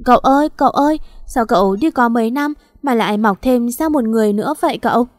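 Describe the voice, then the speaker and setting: A woman's voice: on the high side, fast, dry recording, clean studio sound, lightly acted. A woman voicing a naive, weepy young female servant who pleads in a whiny, tearful way. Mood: eager.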